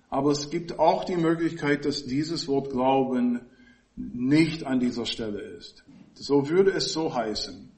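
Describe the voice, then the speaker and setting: A man giving an expository Bible teaching, explaining the text in a measured way and stressing key words with pauses. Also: medium pitch, a little mellow.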